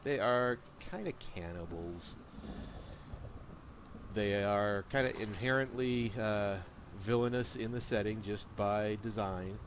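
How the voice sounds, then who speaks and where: Over a constant bed of video game ambience and noise, a man with a lowish voice takes his time. He offers relaxed commentary on the game, drifting into rambling explanations.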